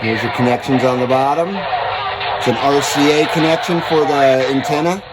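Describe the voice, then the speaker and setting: A CB radio hobbyist at his base station stretches out repeated calls, then points out his radio's features. His mid-range voice moves at normal speed against loud radio static.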